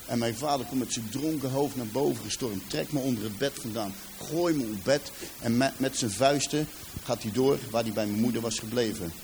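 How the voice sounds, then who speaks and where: A man's voice: medium pitch, brisk, darkish tone, a little hiss or hum. A man from Rotterdam with a Rotterdam accent, giving a personal testimony to a live audience and acting out the dialogue as he tells it. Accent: Rotterdam Dutch. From Rotterdam, Netherlands. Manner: vivid storyteller who acts out dialogue and addresses the audience directly. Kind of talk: personal life story told to a live audience. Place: in front of a seated audience.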